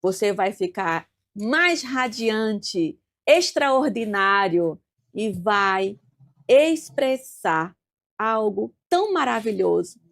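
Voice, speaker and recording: A studio guest from Northeast Brazil gives emphatic, coaching-style motivational advice in Portuguese with a Northeastern accent. Her mid-range voice is expressive and slow with vocal fry, and she stretches out key words.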